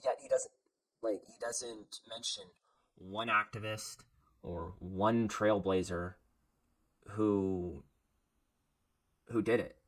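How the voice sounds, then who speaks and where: A man with a fairly low, bright and forceful voice rambles through casual political reaction commentary. He is sarcastic and punches words with sudden loud emphasis. He is from Canada. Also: fairly even intonation, slow pace, long pauses.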